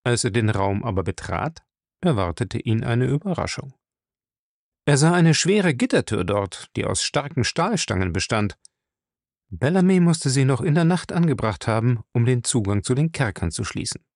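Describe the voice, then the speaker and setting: A man reading a novel aloud chapter by chapter in a steady storytelling manner. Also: mid-range voice, normal speed, dry recording, studio quality. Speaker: audiobook reader.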